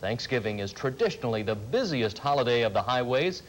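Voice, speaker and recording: A man's voice: mid-range voice, lively intonation, brisk, low-quality recording. Male local news anchor, faint tape noise. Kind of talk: scripted news reading.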